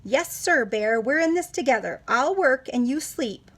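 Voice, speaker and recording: A woman's voice: high-pitched, animated, measured pace, breathy edge, full character voice. A woman voicing a clever, eager male hare from a storybook, persuasive and salesman-like. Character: clever, eager, fast-talking male hare, a smooth dealmaker.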